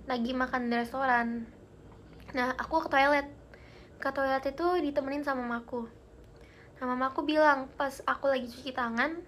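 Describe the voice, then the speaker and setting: A woman's voice: sits high, fairly bright tone, slight background noise. A young woman hosting a live stream, chatting casually with viewers and telling spooky stories in a giggly way. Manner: chatty and giggly, reads comments aloud.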